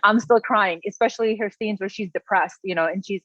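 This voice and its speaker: A woman's voice: medium pitch, fairly quick, fairly bright tone, no room sound. Earnest woman author, dry muffled sound. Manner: earnest, emotional, personal storytelling. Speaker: guest author. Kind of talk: casual interview conversation. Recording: dull, slightly lo-fi, dry sound.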